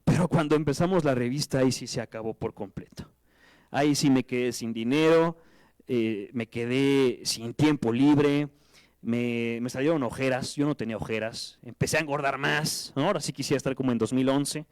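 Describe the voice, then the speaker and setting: A man in his thirties with a Mexican accent, giving a conference talk as guest speaker, telling his story with animated, self-mocking humor. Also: mid-range voice, moderate pace, smooth, dry recording. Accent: Mexican Spanish. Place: lecture hall with audience.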